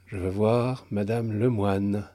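A man voicing an exhausted, desperate man who speaks in quiet, clipped, stubborn phrases. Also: fairly low pitch, steady tone, slow pace, no room sound, studio quality.

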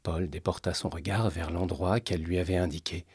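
A man narrating a storybook in a measured, steady reading voice. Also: sits low, breathy edge, dry recording, studio quality.

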